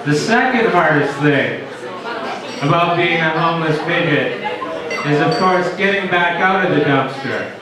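A man in his thirties doing a stand-up set in a dark pub on a handheld mic, with slow, deadpan joke delivery and asides to the crowd. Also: a little high. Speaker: stand-up comedian. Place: dark small pub stage with audience. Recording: echoey pub heard from far off. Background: audience chatter and laughter.

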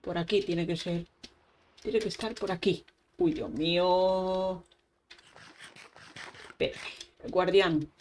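A woman's voice: lowish voice, steady tone, takes it slowly, pauses often, darkish tone, a little hiss or hum. A young woman giving chatty Minecraft gameplay commentary, talking to herself as she plays. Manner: chatty, talks to herself while playing, frequent exclamations. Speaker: gaming YouTuber. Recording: faint keyboard typing and clicks behind.

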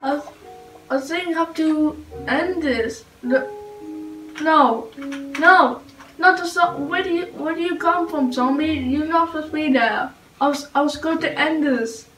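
A woman hosting let's-play gameplay commentary, panicky and yelping, with halting speech that repeats and restarts phrases. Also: high voice, far from the mic. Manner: panicky, frequent yelps and exclamations. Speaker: gamer host. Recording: roomy, off-mic, with game music.

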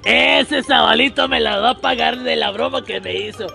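A man's voice: extremely high pitch, normal speed, creaky, heavily acted. A man playing a mischievous, gloating lion mascot in a children's comedy sketch, with silly clownish taunting and cackles. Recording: loud music over the voice.

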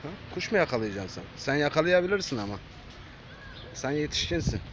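A man's voice: on the high side, sing-song, brisk. A man talking to stray cats in a casual vlog, calling and coaxing them over and over in short repeated phrases. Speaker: vlogger. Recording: dull lo-fi audio with clear street noise.

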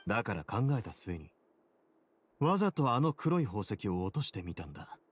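Playing a shrewd, composed prison duke in an anime game, a man with a somewhat low voice explains matters in a calm, measured and confident manner. Slight background noise can be heard.

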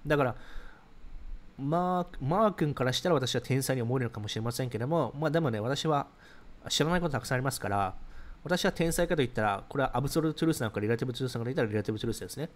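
Thirties male stream host, rapid chatty delivery, mid-pitched, reads and answers comments. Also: animated. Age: 30s. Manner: rapid, chatty, explains ideas while reacting to comments. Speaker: livestream host reading viewer comments. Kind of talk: casual livestream chat.

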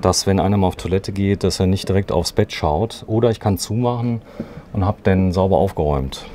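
Inside a camper van at a trade fair, a man hosts a walkthrough interview in a low, fairly quick, dark voice with slight background noise. As interviewer and show host he stays upbeat, asking questions and summing up features.

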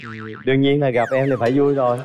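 Man, gentle, earnest, mid pitch, long studio reverb. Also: little pitch movement, quick pace, dull audio. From Ca Mau, southern Vietnam. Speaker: dating show contestant. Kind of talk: casual conversation.

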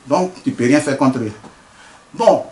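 A man's voice: mid-range voice, animated, measured pace, mellow, roomy sound. A man, a traditional healer answering interview questions earnestly, often restarting his sentences. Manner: explains earnestly with many restarts.

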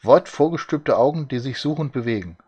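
A man voicing a tiny, loyal male alien servant in a hushed, deferential way, in a story reading. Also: mid-range voice, expressive, brisk, slightly rough.

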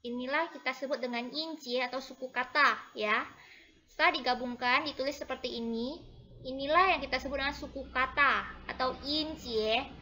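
A female primary teacher with a high, very bright and piercing voice leads a lesson for first graders. She speaks patiently, keeps checking in with the children, and calls out each syllable loudly and slowly for them to copy. She moves between Indonesian and Mandarin as she teaches. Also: slight background noise, rough recording. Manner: patient, repeats "ya" and "anak-anak" constantly; drawn-out, loud modeling of syllables.

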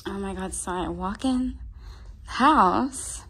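A woman's voice: mid-range voice, slow, a bit bright, breathy edge, rough recording. A young woman with a Southern US accent, telling stories to the camera in a chatty, casual way, first from her car and then in her kitchen. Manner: chatty storytelling, lots of "like" and "girl". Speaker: vlogger.

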